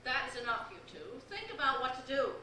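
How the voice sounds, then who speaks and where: A woman's voice: high voice, very animated, fairly quick, far from the mic, heavily acted. An actress playing a bossy older woman who scolds the others and takes charge. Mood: stern. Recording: loud crowd noise, echoey stage.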